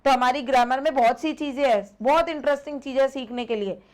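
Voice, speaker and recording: High-voiced woman teaching grammar. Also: darkish tone. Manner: explains slowly, repeats points, calls students "beta". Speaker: English teacher. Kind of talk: online grammar lesson.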